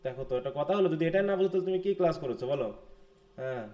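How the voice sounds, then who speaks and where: A man's voice: fairly high pitch, rapid-fire, muffled recording. A man from Bangladesh teaching a live online class, questioning students and mixing English terms into his lecture.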